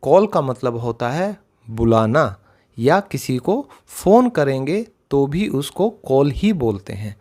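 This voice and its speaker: A man teaching English verb forms, explaining each word in a slow lesson and repeating example sentences twice. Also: mid-range voice, big pitch swings, a little mellow. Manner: addresses viewers as children.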